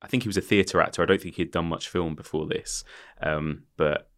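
A man's voice: sits low, steady tone, a little fast, a bit bright. A man hosting a casual film discussion, retelling scenes in a conversational way. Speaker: podcast host, quizmaster.

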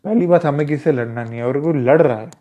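Speaking fast in a high-leaning voice, this male self-defense instructor gives casual advice in a conversational, repetitive way, addressing the listener as brother. The audio has a dull, lo-fi quality.

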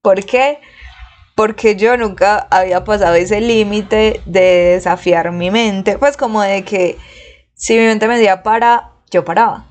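A woman's voice: medium pitch, a little slow. Slangy young Colombian woman telling stories. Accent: Colombian Spanish. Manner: slangy, animated, acts out quotes. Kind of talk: casual storytelling monologue.

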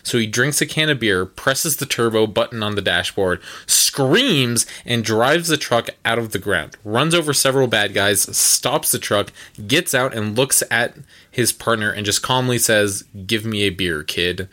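Bright-voiced man reading reviews aloud. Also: medium pitch, normal speed. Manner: dry, amused, chuckles between reviews. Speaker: podcast co-host.

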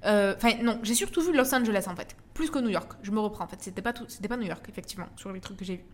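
A woman's voice: mid-range voice, rapid-fire. A young French woman hosting a casual solo podcast, chatting in a slangy way with lots of fillers and repeated words. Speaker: podcast host. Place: at home in Dubai.

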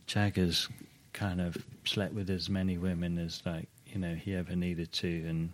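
Low-voiced thoughtful man. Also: flat delivery, normal speed. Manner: thoughtful, analytical, steers back to the topic. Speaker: podcast co-host. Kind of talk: casual music review chat.

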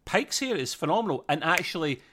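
A man's voice: on the high side, very animated, brisk, pushed and bright. British guy rambling thru a show review, keeps restarting his sentences. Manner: rambling, self-interrupting, chatty. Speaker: podcast co-host. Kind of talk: casual review chat.

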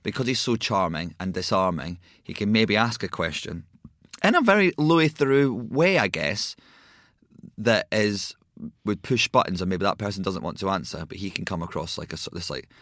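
A man's voice: sits low, lively intonation, normal speed, a bit bright, no echo, studio quality. A man co-hosting a podcast, rambling enthusiastically in casual chat. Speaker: podcast co-host.

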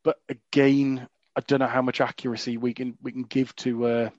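A man's voice: mid-range voice, flat delivery, normal speed, a little mellow, no room sound. A man hosting a podcast in casual, jokey chat, full of asides and fillers. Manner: chatty, jokey, frequent "you know" fillers. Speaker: podcast host. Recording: dull lo-fi dry recording.

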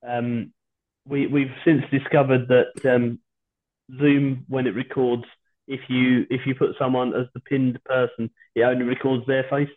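British man podcasting over a tinny, low-quality stream. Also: flat delivery, a little slow. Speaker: podcast host. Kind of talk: casual chat. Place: at home, on a video call. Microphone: video call without his usual microphone. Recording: low-quality online stream, phone-like sound.

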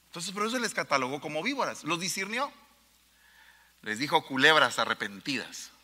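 A man preaches a sermon in a church hall, his voice high and very bright. He speaks emphatically, turning straight to his listeners. Long reverb trails each phrase. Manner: emphatic, addresses the congregation directly.

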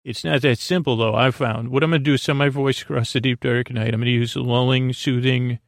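Hosting a sleep podcast, a man speaks in a creaky, mid-range voice at a fairly quick pace and steady tone, offering gentle reassurance. His soothing monologue rambles, halts, repeats and stumbles over words. The studio sound is clean, with no echo.

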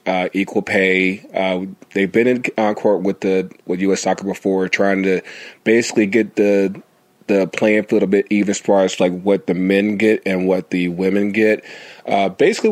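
Host, male, low voice, dry close sound, relaxed rambling chat. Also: no room sound. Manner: laid-back, filler-heavy, restarts often. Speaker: podcast host. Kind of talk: casual chat.

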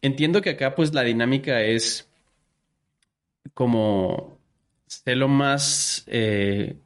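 A mid-pitched man, hosting a casual podcast conversation. He talks with slang and stumbles into repeated restarts as he works out his point. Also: takes it slowly. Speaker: podcast host.

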